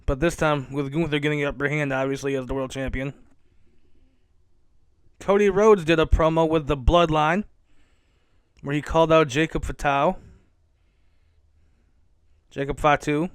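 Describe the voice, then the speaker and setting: A man's voice: fairly high pitch, steady tone, normal speed, pauses often, smooth, no echo, studio quality. A man hosting a casual solo commentary podcast, rambling, cursing and correcting himself as he goes. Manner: rambling, self-correcting and profane. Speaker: podcast host.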